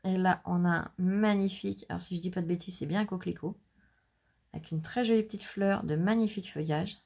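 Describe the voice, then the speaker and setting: A woman's voice: on the low side, fairly even intonation, brisk, gravelly, darkish tone, slightly rough. A woman hosting her crafting channel, chatting casually and effusively while showing handmade cards and teasing someone off camera. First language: French. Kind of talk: casual unboxing chat.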